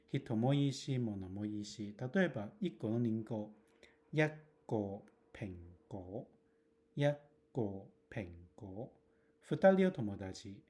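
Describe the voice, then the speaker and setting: A man teaching in a video lesson, drawing out example phrases slowly and repeating them. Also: medium pitch, darkish tone. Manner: slow, drawn-out drills of example phrases. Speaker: Cantonese language teacher.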